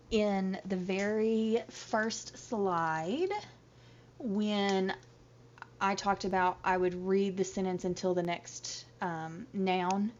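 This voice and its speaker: A woman's voice: mid-range voice, slight background noise. A woman teacher recording a slide lecture, chatty, explaining step by step with examples. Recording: dull lo-fi audio.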